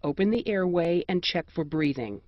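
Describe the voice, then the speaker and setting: An American narrator reading scripted instructions in a measured, precise and formal manner. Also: mid-range voice, lively intonation, dry recording, muffled recording.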